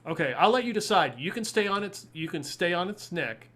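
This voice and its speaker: A man's voice: sits high, animated, brisk, a bit bright. A man narrating as game master of a tabletop game, rambling with many fillers. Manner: rambling, full of fillers and little laughs.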